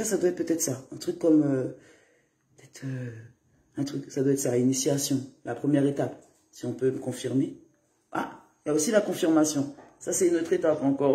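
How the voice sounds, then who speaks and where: A man's voice: a little high, warm tone. A man chatting to viewers in a casual live-stream monologue, rambling and laughing often. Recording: roomy echo.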